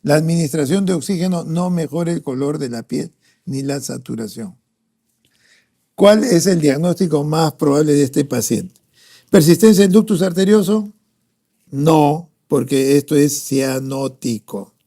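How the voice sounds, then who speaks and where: A man's voice: fairly high pitch, unhurried, gravelly, dark tone. A male doctor with a Peruvian Spanish accent, giving an exam-prep lecture. He works through questions aloud with frequent "¿no?" and "este" fillers. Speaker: doctor teaching a pediatric cardiology review.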